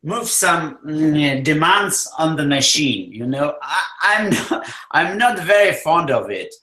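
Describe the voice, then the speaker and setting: A man's voice: fairly high pitch, animated, takes it slowly, sharp tone. A man with a Polish accent answering as a neurosurgeon in an interview, searching for words and repeating phrases. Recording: roomy, echoey sound.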